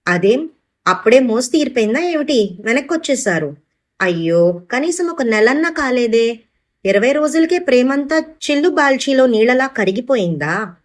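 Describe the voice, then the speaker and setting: A woman's voice: high-pitched, very animated, normal speed, voice pushed up. A woman reading the part of a wronged wife who mocks her returning husband. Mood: mocking. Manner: mocking, taunting. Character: wronged wife, mocking and sarcastic.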